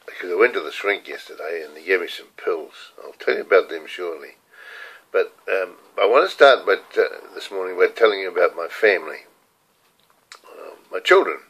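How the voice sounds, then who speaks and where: Rambling older New Zealand man, low-voiced. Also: pushed and bright, poor audio. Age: 70s. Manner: rambling, candid, swears casually. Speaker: video diarist. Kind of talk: personal video diary. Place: room at home.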